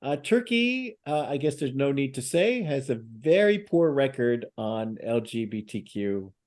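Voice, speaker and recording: A man hosting a podcast, relaying news stories in a relaxed, teasing way. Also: medium pitch, measured pace. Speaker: podcast host. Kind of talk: casual podcast chat.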